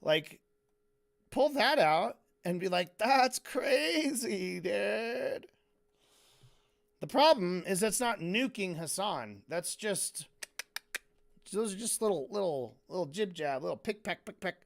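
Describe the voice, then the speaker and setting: Slow-talking casual male streamer. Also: high-pitched, animated. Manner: casual, profane, mocking impressions. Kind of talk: commentary stream.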